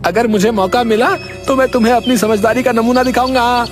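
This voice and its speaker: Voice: medium pitch, steady tone, fairly quick, lightly acted. A performer voicing a foolish, bumbling village husband in a cartoon, whiny and pleading. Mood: boastful. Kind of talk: cartoon voice acting. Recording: music behind voice.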